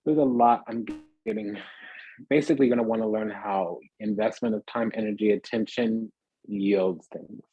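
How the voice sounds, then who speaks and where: A man's voice: on the low side, expressive, normal speed, creaky, husky, no echo, phone-quality sound. A man giving a casual, rambling tarot reading to viewers, piling up phrases in lists and checking in with "does that make sense?". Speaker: tarot reader.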